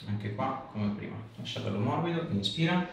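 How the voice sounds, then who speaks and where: A chiropractor in his thirties, with an expressive mid-range voice at a moderate pace, gives a patient short, reassuring treatment instructions and asks questions. They're in a small indoor treatment room. The recording is very echoey, with a distant mic and faint noise.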